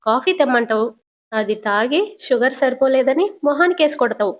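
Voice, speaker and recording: A scheming, sharp-tongued old grandmother, as a woman narrator puts her on, her voice pitched a little high. She sounds shrill and indignant, always plotting, told as a spoken storybook retelling of a TV serial. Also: animated, normal speed.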